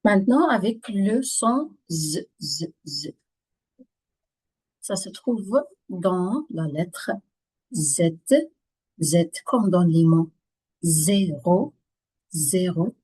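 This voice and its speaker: Woman, pronunciation teacher, very slow and careful delivery, slightly husky voice, repeats each word. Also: on the low side, dark tone, low-quality recording.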